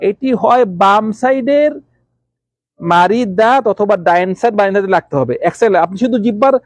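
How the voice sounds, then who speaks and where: High-voiced man drilling Arabic letters. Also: dry recording. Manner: calls on students by name, repeats letter sounds slowly. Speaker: Arabic teacher. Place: classroom with students.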